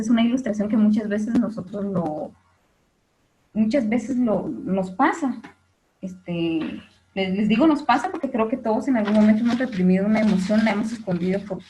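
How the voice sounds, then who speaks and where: A woman's voice: medium pitch, warm tone, poor audio. A woman teaching an online class, explaining at length with many "este" fillers and questions to her students.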